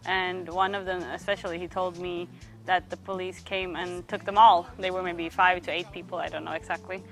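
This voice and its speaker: A young woman from Sweden, a youth worker giving reflective interview answers, pausing often to find her words. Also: lowish voice, level tone. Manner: thoughtful, pauses often to search for words.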